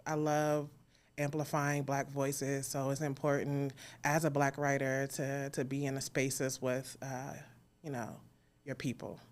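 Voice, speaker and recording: This is a rumbling low female voice, level in tone and a little slow. She's an American audio drama creator from Alexandria, Virginia, chatting casually as a live interview guest.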